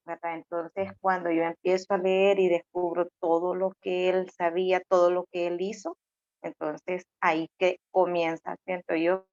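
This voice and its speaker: A woman guest speaking slowly and reflectively, with fillers. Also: fairly low pitch, little pitch movement, a little mellow, dry recording. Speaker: panel guest. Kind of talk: personal testimony. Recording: dry muffled lo-fi audio.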